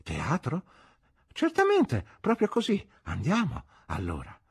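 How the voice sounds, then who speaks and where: A woman voicing a tipsy young man who talks in a loud, exuberant way. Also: mid-range voice, wildly swooping pitch, a little slow, husky, voice pushed up, heavily acted.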